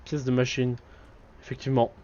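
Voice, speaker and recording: A man giving live commentary on a horror game as a streamer, excitable and jokily scolding the game's characters. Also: mid-range voice, brisk. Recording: dull lo-fi stream audio.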